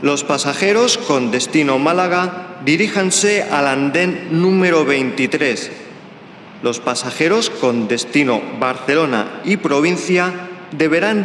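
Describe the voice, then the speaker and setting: A man acts out a formal public-address announcer in the style of an airport or train station. His delivery is very slow and measured, in a slightly high male voice. It rings through an echoey hall with faint noise. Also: expressive, a bit bright.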